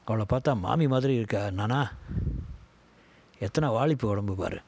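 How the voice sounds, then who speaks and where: A man's voice: lowish voice, measured pace, darkish tone, slightly rough. A man voicing an older priest-musician who talks in a blunt, offhand way. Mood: teasing.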